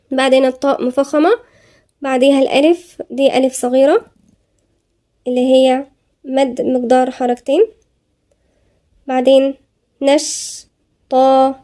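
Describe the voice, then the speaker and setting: Woman, Egyptian Arabic accent, high pitched, mellow tone, patient step-by-step tajweed teaching. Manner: explains letter by letter, then recites slowly and drawn out. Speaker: Quran recitation teacher. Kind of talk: tajweed lesson with slow recitation.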